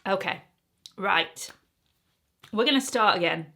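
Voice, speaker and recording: A woman's voice: medium pitch, expressive, takes it slowly, creaky, a bit bright. A woman, a beauty YouTuber and esthetician talking earnestly to camera in a casual vlog, openly nervous and emotional.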